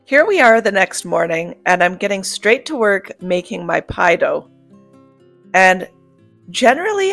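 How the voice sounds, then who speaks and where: A woman with a medium-pitched voice and some vocal fry narrates a cook-with-me homemaking vlog. She's cheerful and chatty, speaking directly to her viewers over soft guitar music.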